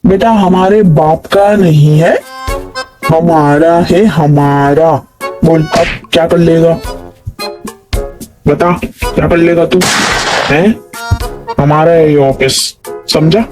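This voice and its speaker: A man's voice: on the high side, steady tone, takes it slowly, long pauses. A man voicing a rude, arrogant male office clerk in a cartoon, taunting and bullying. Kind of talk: cartoon dialogue. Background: music.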